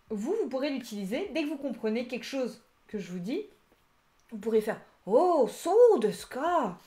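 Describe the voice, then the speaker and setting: A woman teaching a casual live-streamed language lesson, chatty and full of asides and restarts. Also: a little high.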